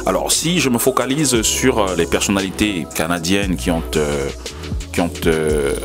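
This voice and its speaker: A man interviewing a guest, asking searching questions and offering soft agreement. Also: deep voice, expressive, normal speed, music in the background. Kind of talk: conversational interview.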